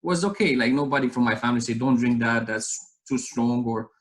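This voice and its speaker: A man's voice: mid-range voice, brisk, poor audio. Romanian-accented man telling his story. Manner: rambling, earnest storytelling with many restarts. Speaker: guest. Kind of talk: casual interview chat.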